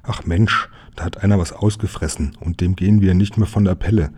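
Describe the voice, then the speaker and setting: A man's voice: low voice, fairly even intonation, brisk, darkish tone, breathy edge. A man voicing a cocky, streetwise city boy who talks in slang. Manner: cocky, slangy, whispering at times.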